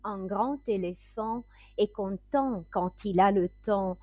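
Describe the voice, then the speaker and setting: A woman reads out pronunciation drills one word at a time, at a very slow and deliberate pace. Her pitch sits in the middle, and each word is enunciated with care. The sound is dry and close, with almost no room echo. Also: warm tone, soft background music. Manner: careful, clearly enunciated dictation. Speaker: French pronunciation teacher.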